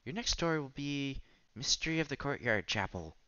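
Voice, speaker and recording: A man's voice: medium pitch, expressive, normal speed, bright, forceful tone, smooth. A man voicing an offhand, dismissive female editor-in-chief of a school club. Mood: nonchalant. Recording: slightly dull with music behind.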